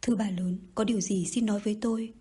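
A woman's voice: medium pitch, fairly even intonation, quick pace, warm tone, slightly rough. A woman voicing a defiant young man. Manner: curt, stubborn replies. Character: proud defiant young man, calm under threat. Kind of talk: audiobook reading.

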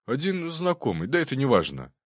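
A man voicing a flustered, excitable middle-aged prince, lifting his voice higher and drawing out bewildered phrases. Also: a little fast, no echo, studio quality.

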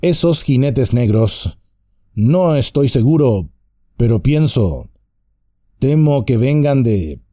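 A man's voice: mid-range voice, animated, slow, pauses often, dark tone, dry recording, clean studio sound, voice pushed up. A man voicing a tired, worried young male hobbit who speaks earnestly and politely.

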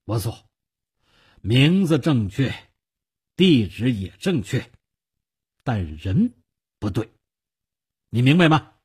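Man reading as sly older rich uncle, husky and unhurried, calm persuasive manner. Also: medium pitch, exaggerated voice. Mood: calm scheming. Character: shrewd older wealthy male uncle, calm and scheming.

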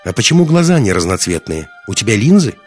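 A sharp, teasing teenage girl presses on with question after question, as a man puts her on while reading an audiobook. The voice sits noticeably higher than a man's usual talk. Faint music plays underneath. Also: very animated, quick pace. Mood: probing.

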